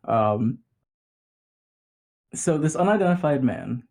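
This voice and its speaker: A man's voice: medium pitch, animated, takes it slowly, creaky, a little mellow. A man hosting a casual podcast chat, reading out odd headlines and laughing often. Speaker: podcast host.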